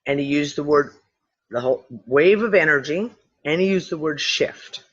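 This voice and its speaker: Rambling, swearing host on a dull call. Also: female voice, low-pitched, moderate pace. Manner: swearing, rambling, animated storytelling. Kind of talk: casual livestream chat. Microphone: computer mic on a video call.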